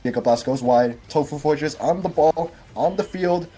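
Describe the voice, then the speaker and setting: A woman casting an esports match live, excitable and animated, often laughing between plays. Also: sits low, normal speed, breathy edge. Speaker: esports caster. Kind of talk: live play-by-play commentary.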